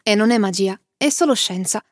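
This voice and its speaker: A woman's voice: medium pitch, normal speed, no echo. Woman narrating a story, dry close sound. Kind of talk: storytelling book summary.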